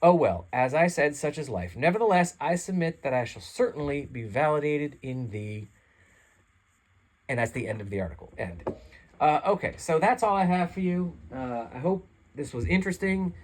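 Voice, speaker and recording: A man's voice: on the high side, expressive, moderate pace. Congested man reading his essay aloud. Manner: earnest, rambling, self-deprecating. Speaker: channel host reading his own article. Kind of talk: reading an essay aloud, then casual sign-off. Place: seated in a chair. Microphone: home microphone, some chair rubbing.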